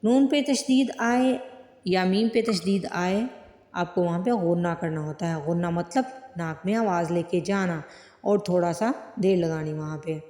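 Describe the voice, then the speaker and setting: Woman, tajweed teacher, slow deliberate speech, long reverb in a roomy space. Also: on the low side, dark tone. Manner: explains rules plainly, then recites words slowly and drawn out. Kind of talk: word-by-word recitation lesson. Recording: echoey room with long reverb.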